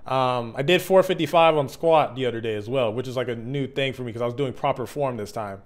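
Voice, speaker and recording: A man in his mid twenties talking candidly and off the cuff as a video creator, earnest and reflective, halting and conversational with slang. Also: medium pitch. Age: mid 20s. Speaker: YouTube content creator. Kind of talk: candid, unscripted personal vlog.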